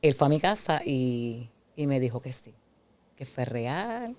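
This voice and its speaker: Her pitch extremely low and her pace measured, a middle-aged woman relates her testimony during a conversation. She is a lively storyteller who voices the back-and-forth of past exchanges.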